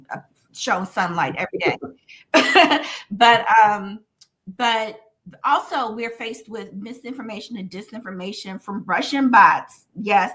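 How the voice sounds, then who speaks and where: A woman's voice: fairly high pitch, sharp tone. A woman who teaches journalism, speaking as a panel guest in an articulate, lecturing way that builds points in lists. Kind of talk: panel discussion.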